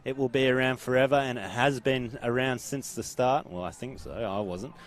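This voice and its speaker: Brief: Australian male play-by-play caller, upbeat, mid-pitched, reading names and numbers live at a ground. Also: fairly even intonation, normal speed. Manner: upbeat, calls players by number and name. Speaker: play-by-play commentator. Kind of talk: live sports commentary. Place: outdoor sports ground.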